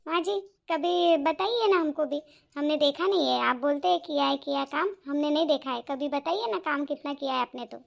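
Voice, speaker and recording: A woman's voice: high-pitched, normal speed, creaky, lo-fi sound. A woman voicing a patient but cheeky young daughter-in-law in a cartoon, polite with teasing replies. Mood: pleading. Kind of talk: cartoon voice acting.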